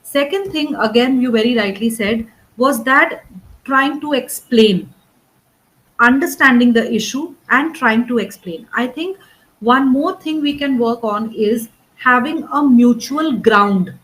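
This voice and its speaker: Woman, English tutor, one-on-one coaching, patient, slightly high voice, checks understanding often. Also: a little slow, fairly bright tone, poor audio. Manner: corrects grammar and pronunciation step by step.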